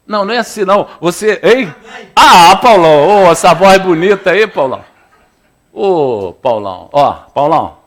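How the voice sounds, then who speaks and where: A man preaching a sermon in a church, playful and calling on the congregation to respond. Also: sits high. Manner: lively, playful preaching with audience call-and-response. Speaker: pastor.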